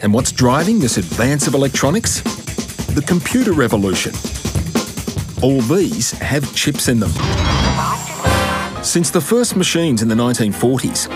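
A man presenting and narrating a science documentary segment in a lively, scripted style. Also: medium pitch, normal speed, long pauses. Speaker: science reporter. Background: music.

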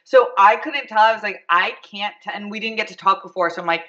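A woman's voice: mid-range voice, a little fast, pushed and bright, muffled recording. A woman co-hosting a casual show, laughing often and teasing playfully. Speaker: co-host. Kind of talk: casual podcast chat.

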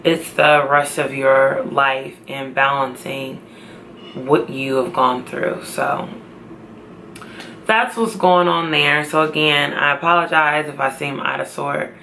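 A tired young woman talking slowly and tearfully to camera in a personal vlog, trying to stay upbeat. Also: low-pitched, steady tone, bright, forceful tone, a little hiss or hum. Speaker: pregnancy vlogger.

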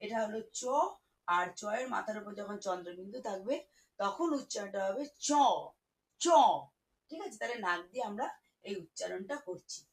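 A woman teaching children to read, spelling words out slowly syllable by syllable. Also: medium pitch, rough recording. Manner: slow, syllable-by-syllable spelling, warm teacherly coaxing. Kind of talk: children's reading lesson.

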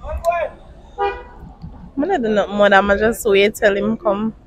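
A young woman answering questions outdoors by a storefront, shy and soft-spoken. She speaks in a middle pitch into a handheld mic held up to her. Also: lively intonation, slow pace, a little hiss or hum. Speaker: interviewee. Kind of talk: casual street interview.

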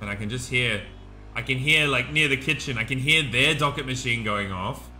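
A young man chatting excitably while commentating his own gameplay, laughing often. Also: mid-range voice, moderate pace, a little hiss or hum. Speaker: gaming streamer.

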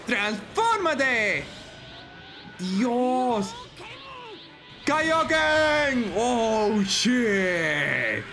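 Excitable high-voiced Spanish man reacting. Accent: Spain Spanish. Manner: excitable, frequent exclamations and shouts. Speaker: streamer reacting to a fan animation.

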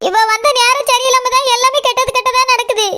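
A woman's voice: very high voice, fairly even intonation, brisk, pushed and bright. A woman with a Tirunelveli Tamil accent voicing a tearful, scolding village mother-in-law in a cartoon. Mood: lamenting. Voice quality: wailing, complaining. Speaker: cartoon character. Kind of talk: cartoon voice acting.

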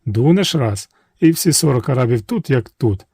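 Man doing a steady young hero. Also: mid-range voice, moderate pace, gravelly, husky, no room sound, studio quality. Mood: firm.

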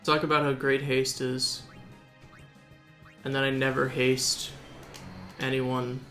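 A man's voice: medium pitch, level tone, slow pace, a bit bright, faint music behind. A man giving casual, self-mocking commentary while playing a game, thinking aloud as he goes. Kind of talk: casual let's-play commentary.

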